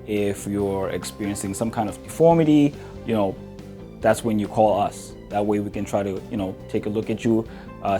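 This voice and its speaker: Earnest man from Zimbabwe, soft music behind. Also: lowish voice. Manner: earnest, hesitant, many fillers. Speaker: podiatrist. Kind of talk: introductory clip to camera. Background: soft guitar music.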